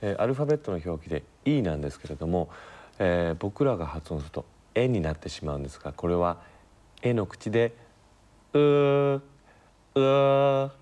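Lively, polite man learning sounds. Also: low-pitched, quick pace. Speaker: studio learner. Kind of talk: casual lesson talk.

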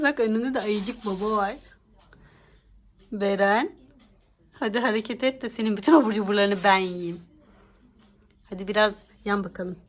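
A high-pitched woman hosts a casual family vlog, playfully teasing her younger siblings as she runs a game. She laughs often and stretches out her game calls. Her tone stays light and chatty throughout.

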